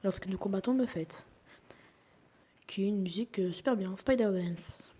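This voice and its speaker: A woman's voice: medium pitch, normal speed, dark tone, husky. Chatty young woman commenting gameplay. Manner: chatty, drifts into whispering while playing. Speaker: gaming YouTuber.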